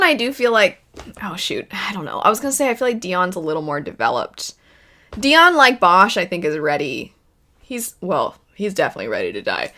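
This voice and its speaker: Hosting a video, this woman plays a pick-one game about video game characters in a casual chat. Her voice is mid-range with a sharp edge, and her thinking aloud comes out wavering and self-deprecating.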